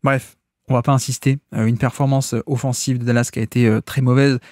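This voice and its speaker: A man's voice: medium pitch, little pitch movement, a little fast, a little mellow, no echo, studio quality. A man hosting a solo basketball podcast, explaining game tactics step by step in unscripted, analytical talk.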